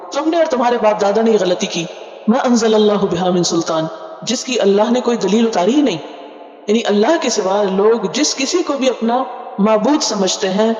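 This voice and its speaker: A woman's voice: on the high side, a little mellow. Woman teaching scripture in an echoey hall. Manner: asks listeners questions and answers them herself; explains terms patiently, mixing in English glosses. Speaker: Quran teacher. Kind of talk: word-by-word scripture tafseer lesson. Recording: echoey hall, dull lo-fi sound.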